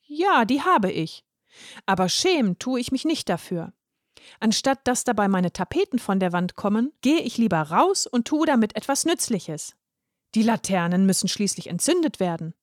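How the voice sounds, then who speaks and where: A woman reading a storybook, voicing a small, touchy male night watchman in a high, strained, defensive voice. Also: very animated, moderate pace, no echo, studio quality, natural voice.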